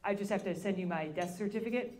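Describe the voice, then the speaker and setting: A woman doing an impression of her dead grandfather, an older man who is calm and matter-of-fact, talking slowly with hesitant ums. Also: mid-range voice, close to an everyday voice. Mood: deadpan.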